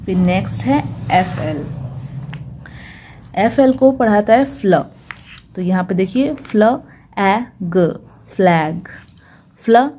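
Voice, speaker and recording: A woman teaches English reading step by step, breaking each word into slow, careful sounds before putting it together. Her voice is mellow and warm, at an ordinary middle pitch for a woman, and she checks in with her listeners again and again. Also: lively intonation. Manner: patient, sounds out each syllable slowly, says "ठीक है" often. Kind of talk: step-by-step phonics lesson.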